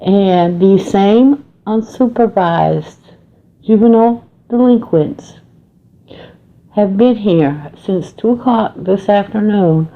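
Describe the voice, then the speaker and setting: Woman caller on a landline, slow and aggrieved, reciting grievances through a thin phone-line sound. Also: mid-range voice. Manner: aggrieved, lists complaints slowly with pauses. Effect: heard over a landline phone. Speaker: caller leaving a voicemail.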